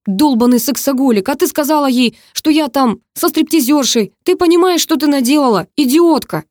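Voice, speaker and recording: A woman voicing a hot-tempered young man who shouts accusations at his sister in an audiobook. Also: fairly low pitch, flat delivery, fast talker, slightly rough, no echo, clean studio sound. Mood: ranting.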